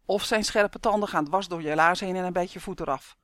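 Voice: medium pitch, a little fast, no room sound, clean studio sound, close to an everyday voice. An audiobook narrator voicing a cautious, worried young man who is anxious and pleading. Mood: uneasy. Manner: anxious, pleading, rising to shouts.

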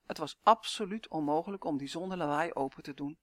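A narrator reading a first-person travel story in a calm, measured storytelling manner. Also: medium pitch, no echo, studio quality.

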